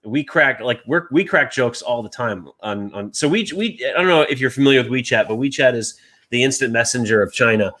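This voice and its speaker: A man in his thirties from the United States, telling stories in casual chat and acting out quoted voices with big pitch jumps. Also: a little fast, a bit bright.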